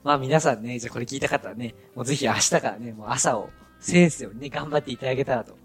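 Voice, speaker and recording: A man hosting a podcast in casual chat, upbeat and quick to laugh. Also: mid-range voice, breathy edge, soft background music. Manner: upbeat, fast talker who laughs easily. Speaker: podcast host.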